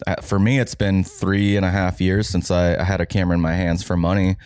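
A man's voice: deep voice, flat delivery, a little fast, darkish tone, clear, resonant tone, no room sound. Dry-humored man co-hosting a casual podcast. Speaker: podcast co-host. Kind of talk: casual chat. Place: living room of a rented apartment. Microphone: cheap podcast microphone.

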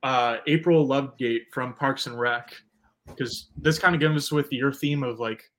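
A man's voice: mid-range voice, a little slow, fairly bright tone. A man with an ordinary mid-range voice co-hosts a podcast. He talks loosely and casually and peppers his sentences with "like". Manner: fills his speech with "like". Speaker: podcast co-host. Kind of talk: casual chat.

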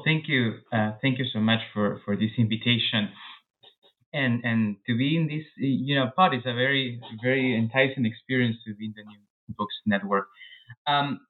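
Guy in his 30s, mid pitch, talks slow and careful, lots of restarts, sounds like a phone call. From Peru. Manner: thoughtful, with frequent restarts and hedging fillers. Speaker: guest author. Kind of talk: academic interview. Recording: tinny phone-like line.

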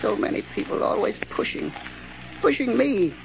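A high, gravelly, stammering voice with nervous giggles, the voice of an unhinged night watchman. It is a 1930s radio drama performance, muffled and lo-fi with faint hiss. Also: very animated, normal speed, music in the background, exaggerated voice. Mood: brooding, menacing.

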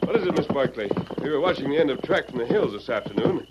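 A man's voice: medium pitch, expressive, quick pace, lightly acted. An actor playing a heroic masked lawman on horseback who speaks firmly, in 1940s radio acting style. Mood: steady. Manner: firm, heroic, commanding. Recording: dull old radio recording with loud hiss.

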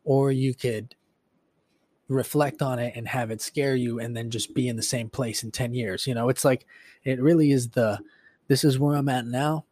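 A man's voice: mid-range voice, steady tone, normal speed, darkish tone, no echo. A man in his late twenties hosting a solo podcast, reflecting casually in a rambling way with lots of fillers and swearing. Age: 20s. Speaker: podcast host.

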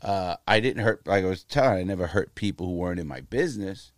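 Here a low-voiced man talks quickly, the clean studio sound free of any room noise. In his fifties, he's a guest in a casual interview, animatedly telling blunt stories laced with profanity.

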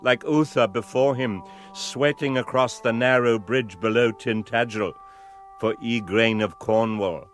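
An actor playing a grave, brooding wizard and prophet in a poetic audio drama, with a solemn, incantatory, measured delivery. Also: male voice, medium pitch, soft background music, close to an everyday voice. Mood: solemn lament.

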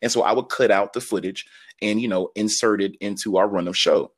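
Deep-voiced, chatty man in his thirties. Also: no echo, clean studio sound. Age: 30s. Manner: quick, laughing, heavy on filler words. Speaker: podcast guest. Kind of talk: casual interview storytelling.

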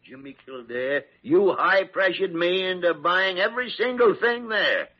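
An actor playing a gruff, irascible older doctor in an old-time American radio drama, husky and gravelly, blustering and repeating himself. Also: male voice, high-pitched, animated, unhurried. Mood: indignant, blustering. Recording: dull, lo-fi vintage radio recording.

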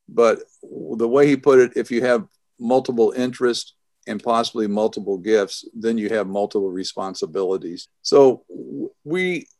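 An older man, answering interview questions as an author in a thoughtful, halting way with many restarts. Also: on the low side, a little mellow, no echo, clean studio sound. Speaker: author and guest.

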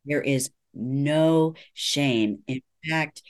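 A middle-aged psychologist, appearing as a guest in a conversational interview, explains things in an earnest, reassuring and measured way. His voice is mid-range.

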